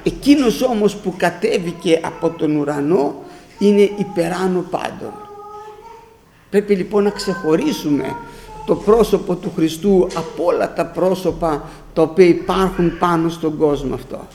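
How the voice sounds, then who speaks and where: A man's voice: high-pitched, mellow, slight background noise. A man preaching a sermon to his congregation, emphatic and repeating his phrases, quoting scripture as he goes. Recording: roomy echo.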